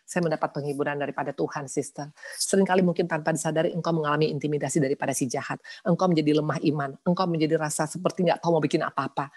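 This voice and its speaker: A middle-aged woman delivers a sermon laced with her own testimony, speaking at a brisk, rushing clip in a fairly low voice. Her manner is emotional and pleading, and she keeps calling her listeners "sister" and slipping in English words. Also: steady tone, a little mellow. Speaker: women's prayer-fast speaker.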